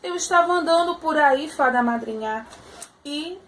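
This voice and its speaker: A woman's voice: sits high, animated, moderate pace, a bit bright, slight background noise. A woman voicing a cheerful wooden puppet boy in a storytelling for small children, eager and sing-song. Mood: chirpy.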